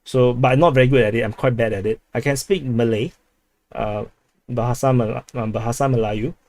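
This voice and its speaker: A Singaporean man with a local English accent hosts a casual livestream, reading chat aloud and rambling with many restarts. His voice is medium-pitched, steady and darkish, and he talks briskly.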